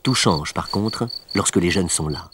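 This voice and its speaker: A man delivers scripted nature documentary narration in a measured, explanatory storytelling manner. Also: sits low, background noise.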